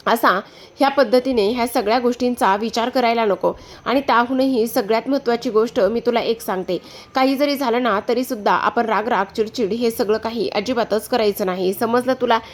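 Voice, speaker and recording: A woman's voice: on the high side, normal speed, lightly acted. A woman voicing a young married elder sister who scolds and pleads in a retold serial story, in her own voice. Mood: scolding. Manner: lecturing, pleading.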